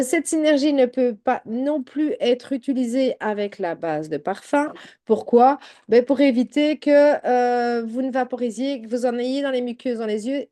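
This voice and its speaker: A woman talks casually to her viewers, presenting a product. She speaks directly to them and fills her talk with little fillers. Her voice sits a bit high but sounds mellow and soft. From Belgium. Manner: chatty, addresses viewers directly with many fillers. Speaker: home-products sales adviser.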